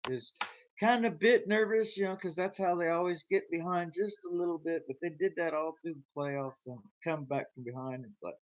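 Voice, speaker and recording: Chuckling and rambling, a man with a light Arkansas twang talks casually with viewers on his YouTube live stream. His voice sits on the high side, and the recording is dry with poor audio quality.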